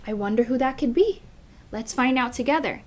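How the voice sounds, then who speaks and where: A woman reading a children's picture book aloud as a storyteller, in a gentle, expressive, sing-song manner. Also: a little high, brisk, slight background noise.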